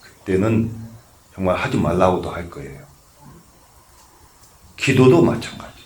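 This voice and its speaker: A man's voice: low-pitched, animated, a little slow, darkish tone. An older man, a Buddhist monk, giving a conversational sermon that asks the audience questions and tells humorous stories. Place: temple memorial service.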